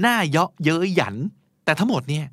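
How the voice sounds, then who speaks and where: Lively man teaching vocabulary in a dry studio. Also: a little high, fairly quick, no echo. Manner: explains words patiently, spells them letter by letter. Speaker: podcast host teaching English vocabulary. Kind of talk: podcast vocabulary lesson.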